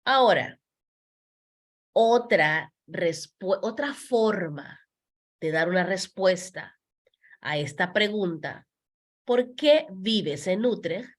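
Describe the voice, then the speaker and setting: A Spanish teacher, a woman with a medium-pitched voice, walks beginners through grammar slowly. Her lively intonation rises and falls to stress key words, and she patiently repeats examples, slowing each word. She moves between Spanish and English to explain.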